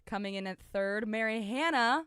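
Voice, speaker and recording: A woman's voice: on the high side, moderate pace, fairly bright tone, clean tone, no echo, clean studio sound. A young woman co-hosting a sports radio show, upbeat and playful in casual chat. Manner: upbeat, playful, reads updates.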